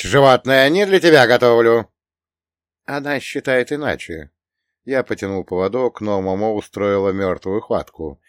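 A man's voice: deep voice, no room sound, studio quality. A man narrating an audiobook in first person, with a wry, ironic storytelling manner.

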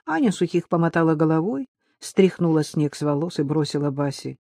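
A woman reading a novel aloud in the first person, with lively, expressive delivery. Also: deep voice, brisk, no room sound, clean studio sound. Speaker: audiobook reader.

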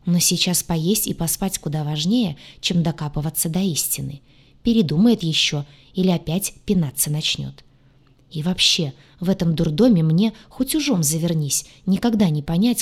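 A woman narrating an audiobook in a wry, animated first-person storytelling manner. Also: lowish voice. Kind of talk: expressive audiobook reading.

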